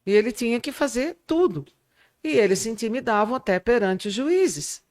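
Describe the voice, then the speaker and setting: A middle-aged woman with a Brazilian accent, a public speaking teacher telling lively stories in an interview. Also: a little high, normal speed. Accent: Brazilian Portuguese. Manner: animated storyteller, acts out quoted students. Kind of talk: interview answers, storytelling.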